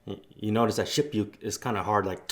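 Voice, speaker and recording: A man's voice: on the low side, quick pace, a bit bright. A man teaching a casual spoken lesson, explaining step by step with loose fillers. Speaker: language teacher.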